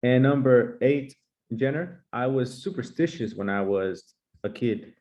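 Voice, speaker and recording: Man, English teacher, brisk and encouraging, middle pitch, slightly muffled recording. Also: animated, darkish tone. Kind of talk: comedic classroom sketch lesson.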